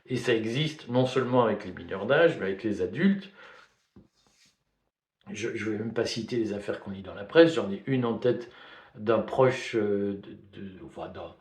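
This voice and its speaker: A man's voice: on the low side, expressive, normal speed, darkish tone. A man from Belgium, giving spoken video commentary in a hesitant way, full of fillers and restarts. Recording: roomy echo.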